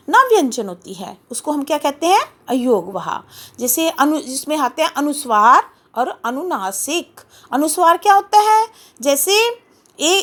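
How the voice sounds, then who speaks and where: Lively high-voiced woman teacher. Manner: explains step by step, asks questions and answers them herself; mixes English words into her explanations. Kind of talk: classroom grammar lesson.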